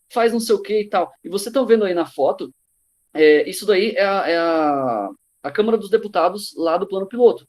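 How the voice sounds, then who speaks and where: A man's voice: fairly high pitch, a little mellow. A man teaching a live online class over a video call, casual and slangy, acting out what people said. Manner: casual and slangy, acts out quotes.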